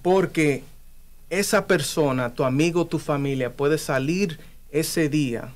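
In a conversation that turns into earnest preaching, a man talks unhurriedly about his faith with passion and emphasis, his voice fairly high-pitched.

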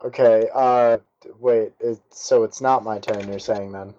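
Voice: mid-range voice, steady tone, unhurried, dark tone. A player in a tabletop game describes the action animatedly. The recording is dull and muffled, as if the top end has been cut away. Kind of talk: casual tabletop game chat.

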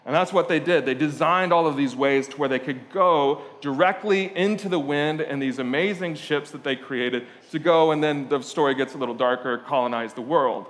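A man from Portugal delivers a sermon in a loose, conversational way, full of asides and "uh" fillers. His voice sits slightly high for a man. The sound trails off in the long reverb of a large church hall. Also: moderate pace, few pauses, fairly bright tone. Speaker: pastor.

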